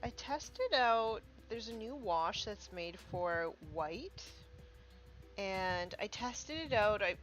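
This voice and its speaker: This woman chats casually while streaming her miniature painting, rambling and using many fillers such as "like" and "um," with a congested voice. It's low-ish and fairly bright, captured on lo-fi audio with music playing.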